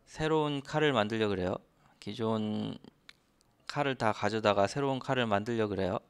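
A man's voice: lowish voice, normal speed, clear, resonant tone. A man teaching a programming class step by step, asking the listener rhetorical questions as he explains. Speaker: programming instructor. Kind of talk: screen-recorded coding lecture.

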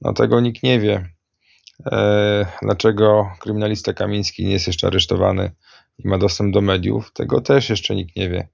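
A man with a deep, fry-laden voice gives an informal political rant. He is blunt and accusatory, yet often hesitates as he searches for the next word. The sound is dry, with little room around it. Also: flat delivery, moderate pace, no echo, muffled recording. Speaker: political commentator.

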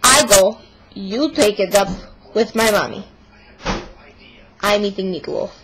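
A young woman performs, in a noisy home video, as a stubborn young Russian woman, faking a Russian accent and speaking broken English without articles. Her medium-pitched, unhurried voice stays close to her everyday one while she complains indignantly and over the top.

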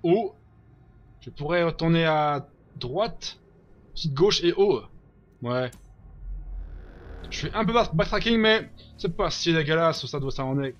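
A man hosting a let's play, giving casual gameplay commentary, reacting loudly, joking and swearing at the game. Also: fairly high pitch, animated, unhurried, long pauses, muffled recording.

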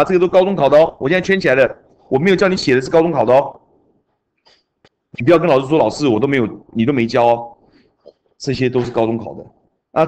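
A man's voice: mid-range voice, a little mellow. A man, teaching an English class and drilling grammar rules with chanted mnemonics. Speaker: junior high English teacher. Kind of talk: classroom lecture.

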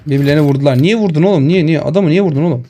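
Man, fast excitable game commentary, slightly high voice, loud gunfire behind. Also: background noise. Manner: excitable, talks to viewers and to the enemy. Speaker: gaming streamer. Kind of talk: live gameplay commentary.

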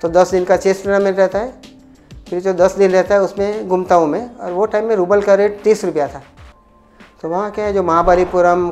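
Middle-aged man, mellow tone, rambling storyteller, faint music underneath. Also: sits high. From India, Ahmedabad. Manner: rambling, repetitive, frequent restarts. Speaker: interviewee, coin dealer. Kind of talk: casual life-story telling.

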